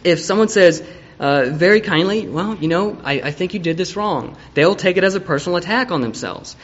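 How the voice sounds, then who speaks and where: Preacher, male, fairly high voice, chatty delivery with acted-out quotes, dull lo-fi recording. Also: expressive, fairly quick. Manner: conversational, acts out quoted people. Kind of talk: evening sermon.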